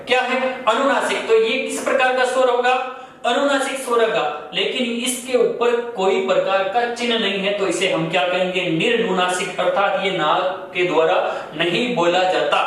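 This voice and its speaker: Heard from a distance in a very echoey room with faint noise, a grammar teacher answers his own questions and keeps repeating the key terms. His voice sits high and has a fairly bright tone.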